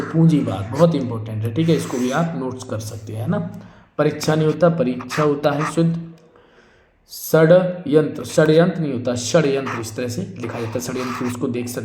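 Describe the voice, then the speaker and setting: A man's voice: mid-range voice, a little mellow. Hindi teacher man in an echoey room. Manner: repeats each word, asks and answers himself. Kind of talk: exam-prep spelling lesson.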